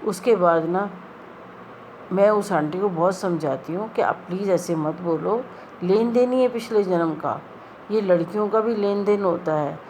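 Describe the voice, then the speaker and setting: A woman's voice: on the low side, measured pace, a little mellow, slight background noise, low-quality recording. A middle-aged woman earnestly retelling a spiritual experience, pleading as she quotes the people in it. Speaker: devotee sharing a spiritual experience. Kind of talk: storytelling testimony.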